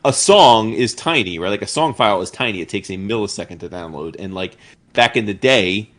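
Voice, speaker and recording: A man's voice: on the low side, animated, brisk, fairly bright tone. A man co-hosting a comics podcast, rambling and restarting his sentences in casual chat, with the odd swear. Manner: rambling, self-interrupting, swears. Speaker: podcast co-host.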